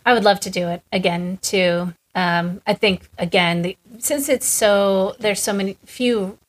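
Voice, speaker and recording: A woman's voice: medium pitch, measured pace. A woman hosting a podcast in casual conversation, chatty and enthusiastic, often chiming in to agree.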